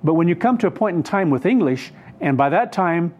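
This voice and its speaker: On a muffled recording, a man teaches scripture off the cuff in a slightly high, slightly mellow voice, sounding animated and brisk. He's an earnest, rambling Bible teacher who keeps correcting himself mid-sentence.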